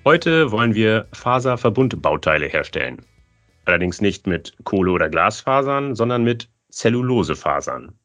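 A man hosting a podcast, reading a smooth, scripted introduction and asking questions. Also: fairly low pitch, big pitch swings, normal speed, a bit bright, faint music behind. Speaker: podcast host. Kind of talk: podcast interview.

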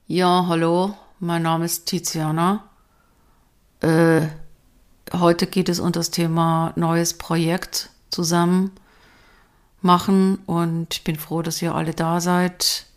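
A dull, monotone meeting leader, as a woman puts her on, who speaks with her mouth barely open. The words come out flat and muffled, with no lift anywhere. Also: lowish voice, slow pace. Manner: monotone, mouth almost closed.

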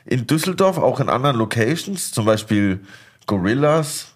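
A young man from Berlin co-hosting a podcast, telling stories in an excitable, slangy, casual way. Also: mid-range voice, normal speed, breathy edge. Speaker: podcast co-host.

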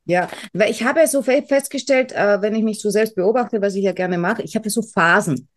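A woman's voice: mid-range voice, fairly quick. Rambling, self-mocking woman podcaster. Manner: rambling, self-mocking, frequent fillers and restarts. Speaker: podcast co-host. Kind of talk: casual chat.

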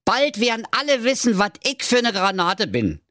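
A man's voice: sits high, wildly swooping pitch, moderate pace, bright, forceful tone, no echo, clean studio sound, voice pushed up, exaggerated voice. A man voicing a scrawny, smug young web designer, cheeky and know-it-all. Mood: cheerful.

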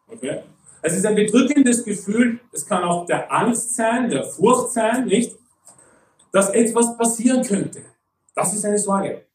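A man preaching a sermon in a conversational way, often checking in with "okay?", and reading scripture slowly. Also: sits high, echoey room, far from the mic, low-quality recording. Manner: reads Bible verses slowly and deliberately.

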